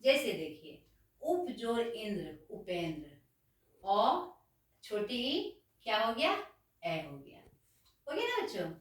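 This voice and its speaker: Slow, patient woman teacher in an echoey room. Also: a little high, very animated. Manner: slow, patient, calls the students children; asks the class questions, then answers them herself. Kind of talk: grammar lesson for students. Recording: very echoey room, voice far from the mic.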